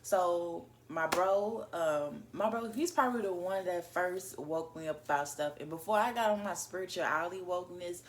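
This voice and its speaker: A young woman talks straight to her viewers in a casual vlog, candid and chatty, swearing freely as she goes. Her voice sits a little low. A faint hum of room noise runs behind her. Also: normal speed, few pauses. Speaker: vlogger. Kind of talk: casual chat to camera.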